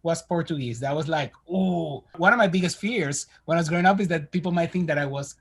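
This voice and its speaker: A man's voice: a little high, a little fast, background noise. A man in his fifties, born in Spain, telling stories in a casual interview over a video call from a home study. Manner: animated storytelling, gesturing widely. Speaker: guest.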